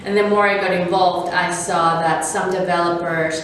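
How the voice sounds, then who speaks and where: A woman from Venezuela, a startup founder, answering interview questions in a measured way with many fillers. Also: fairly low pitch, little pitch movement, a bit bright, heavy reverb, distant mic, slight background noise, rough recording.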